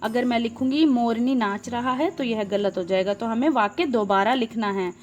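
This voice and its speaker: A woman's voice: fairly high pitch, normal speed, dull audio, slight background noise. A woman teacher explaining a grammar exercise to young pupils step by step, asking questions and answering them herself. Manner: patient, explains step by step and repeats key words. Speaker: school teacher.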